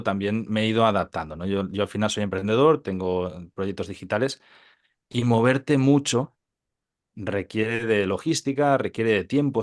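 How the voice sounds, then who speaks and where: A Catalan digital entrepreneur in his thirties, guesting on a podcast, shares stories in a relaxed interview. His voice is low and casual, and his informal speech stumbles along with repeated words and tag questions.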